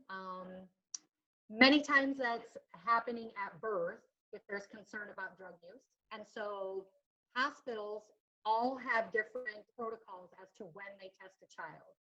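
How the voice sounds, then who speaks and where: A woman heard over a video call, presenting in a webinar for a child welfare agency, halting with frequent ums and restarts. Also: a little high, fairly bright tone. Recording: muffled lo-fi video call audio.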